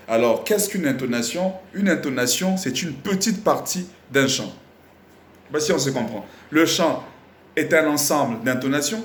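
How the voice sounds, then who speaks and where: A man teaching a live singing lesson, explaining slowly and repeating himself with many fillers, breaking into short sung examples. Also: on the high side, reverberant, slight background noise. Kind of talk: live online music lesson.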